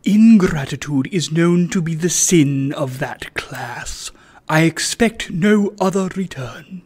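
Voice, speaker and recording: A man reading aloud and voicing a pompous, self-righteous wealthy old gentleman who speaks with solemn majesty. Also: on the high side, lively intonation, slow, husky, exaggerated voice. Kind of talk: audiobook reading.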